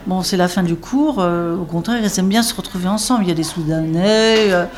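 A woman who coordinates literacy classes answers interview questions in a brisk, lowish voice, with a little hiss or hum on the recording. Her replies ramble, packed with fillers, restarts and tag words, including an emphatic "hein".

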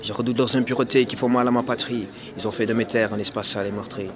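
A man, a student and slam poet, reciting a poem in a steady, solemn way. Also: mid-range voice, fast. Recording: outdoor crowd chatter behind.

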